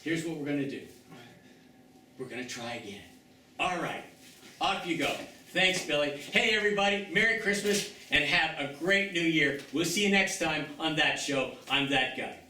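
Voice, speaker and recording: A man with a bright, forceful voice hosts a comedy sketch show, rambling along and coaxing with stumbling restarts. He sits a little high for a man and sounds set back from the mic, in a roomy space with a faint hiss behind him. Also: moderate pace, distant mic. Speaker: show host.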